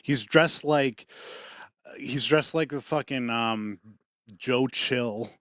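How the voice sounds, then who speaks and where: A man co-hosting a podcast in casual chat, rambling and swearing often, with quick laughs between points. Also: mid-range voice, a bit bright, no room sound, clean studio sound. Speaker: podcast co-host.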